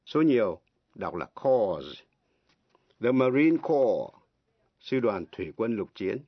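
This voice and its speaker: A man teaching English on the radio, giving each word and example slowly, spelling words out letter by letter and translating them. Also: on the low side, sing-song, husky, dry recording. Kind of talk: slow, deliberate language lesson. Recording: dry, dull lo-fi radio broadcast.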